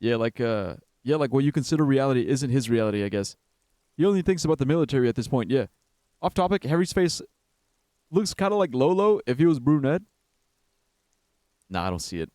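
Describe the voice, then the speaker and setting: A man's voice: mid-range voice, expressive, fairly quick, pauses often, mellow, no room sound, studio quality. A young man streaming a game, rambling in casual commentary and swearing often. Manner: rambling, profane, says "bro" and "like" a lot.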